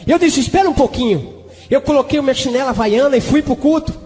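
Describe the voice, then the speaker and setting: A preacher tells his testimony with fervor and sudden swings in his delivery. His voice is very high for a man, carried by a long hall reverb with faint music underneath. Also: fast talker, darkish tone. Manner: fervent, with dramatic swings in delivery. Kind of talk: sermon testimony.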